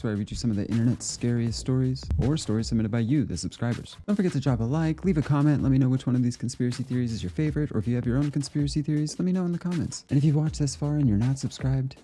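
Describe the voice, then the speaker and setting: A man hosting a conspiracy video series, giving relaxed, rambling commentary on the clips he plays. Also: medium pitch, slight background noise. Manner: rambling and relaxed, with fillers and laughs. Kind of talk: casual commentary reacting to clips.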